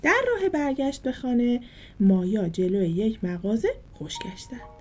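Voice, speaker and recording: Woman reading a kids' storybook, warm mellow voice, sing-songy, soft music behind. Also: a little high. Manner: gentle, expressive, sing-song. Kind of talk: reading a children's storybook aloud.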